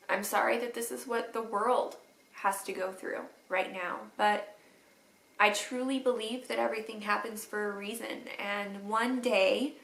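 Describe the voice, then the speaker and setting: A woman teacher crying through a tender, halting video message to her students, with sniffles and teary laughs. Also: medium pitch, creaky, pushed and bright, roomy sound, rough recording. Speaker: third grade teacher.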